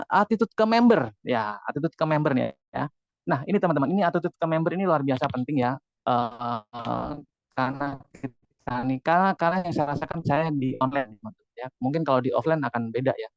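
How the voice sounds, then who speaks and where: A man leading a motivational business training over a video call, lively and chatty, often turning to his audience. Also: a little high, no room sound, muffled recording. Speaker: business team leader giving a training.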